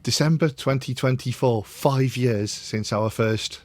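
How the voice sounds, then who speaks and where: A man's voice: medium pitch, measured pace, a little mellow, no echo, studio quality. A man hosting a casual business conversation, leading it and asking his colleague questions. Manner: leads the talk and asks questions. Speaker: business advisor hosting a review chat.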